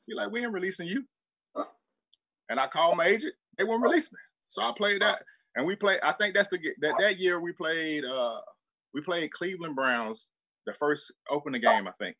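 Here a Birmingham, Alabama native and former football player tells loose, profane stories on a sports talk show. The Southern accent rides on a fairly high, slightly rough voice at a somewhat fast clip, and he sprinkles in "like" constantly while staying animated.

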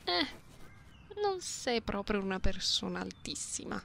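A woman performs a full character voice as a gentle, playful genetically modified cat-girl soothing someone lonely in an ASMR roleplay. Her medium-pitched voice is creaky and very animated, her mood playful and teasing, and she speaks softly, slowly and intimately, often whispering, with meows and purry hums. A close binaural microphone picks it up with faint background noise.

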